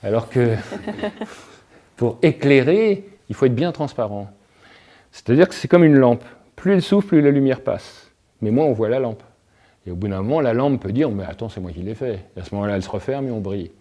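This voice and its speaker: Mellow-voiced man musing philosophically. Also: medium pitch, lively intonation, normal speed. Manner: reflective, illustrates points with everyday anecdotes, tags phrases with "hein". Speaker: guest, alchemist and author. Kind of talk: reflective philosophical talk.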